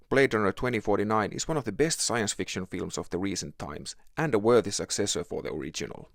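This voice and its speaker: A man's voice: lowish voice, no echo, clean studio sound. A man with a Finnish accent reading a scripted video essay narration as the host of a game review show.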